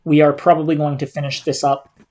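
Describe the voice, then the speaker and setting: A man's voice: fairly high pitch, flat delivery, a little fast, a little mellow. A man giving casual live gameplay commentary as a streamer, indoors over game audio. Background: game music.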